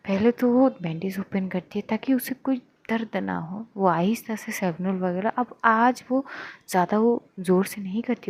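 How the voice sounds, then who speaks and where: Chatty woman storyteller, mellow voice. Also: mid-range voice. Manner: chatty, conversational retelling. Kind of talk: casual story narration.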